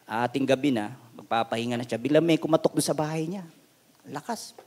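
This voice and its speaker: A man's voice: medium pitch, fairly quick, darkish tone. A man from the Philippines preaching a conversational sermon at a church service, chatty and humorous, often checking in with his listeners. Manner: chatty, humorous, tag questions. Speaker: lay preacher.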